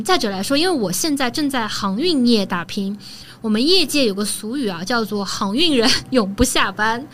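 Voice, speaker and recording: A woman talking as a guest in a casual podcast conversation, relaxed and chatty, often ending phrases with soft particles. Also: a little high.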